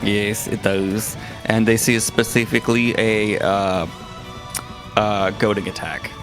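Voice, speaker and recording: A man's voice: on the low side, fairly even intonation, slow pace, fairly bright tone, faint music behind. A man chatting casually as a player, declaring his actions in a tabletop role-playing game.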